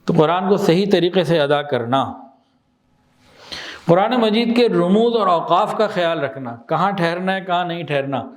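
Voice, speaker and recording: A man with a fairly high voice gives a religious talk. He explains with everyday examples, puts questions to his listeners and says key phrases again slowly for emphasis. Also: lively intonation. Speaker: Islamic teacher.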